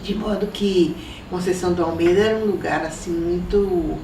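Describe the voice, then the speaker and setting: An older woman recalls her parents and grandparents, talking slowly and warmly in a fairly low voice. She sits somewhat away from the microphone in an echoey room, with a faint hiss in the background. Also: fairly even intonation, far from the mic. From Salvador, Brazil. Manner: reminiscing, unhurried, with soft laughs. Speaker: interviewee. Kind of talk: oral history interview.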